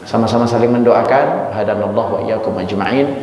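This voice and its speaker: A man's voice: brisk, a little mellow, a little hiss or hum. A male preacher gives a mosque sermon, his voice leaping up and down as he talks straight to the people listening. His voice hangs in the long reverb of a roomy mosque hall. A faint background ambience sits underneath. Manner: dramatic pitch swings, addresses listeners directly. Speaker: Islamic religious teacher. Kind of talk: mosque sermon on a Quran chapter.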